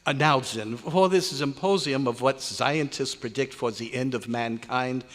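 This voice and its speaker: In a grave, lecturing mood, the actor voices the exasperated, grumbling scientist who is fond deep down and speaks in inverted, foreign-style phrases. His male voice is natural and mid-range, unhurried with a fairly bright tone. The live radio drama revival takes place in an echoey, large hotel meeting room at a convention.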